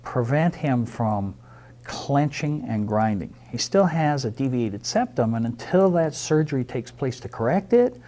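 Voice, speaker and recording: A man describes a dental procedure in clinical terms. His voice is mellow and warm. He speaks in a measured way and leans on key points. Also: medium pitch. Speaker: dentist. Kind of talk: explaining a procedure on camera.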